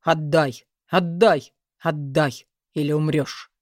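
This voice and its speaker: A woman's voice: low-pitched, steady tone, takes it slowly, no room sound, clean studio sound, pitched below the performer's own voice. A woman narrating an audiobook voices a menacing, commanding disembodied voice from a dream that insistently repeats its demands.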